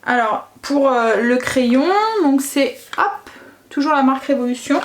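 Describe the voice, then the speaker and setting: An unhurried, steady, high-sitting voice belongs to a woman vlogger and mother giving a casual makeup tutorial. She narrates as she goes with little asides, regularly trailing off, correcting herself, and beginning sentences again.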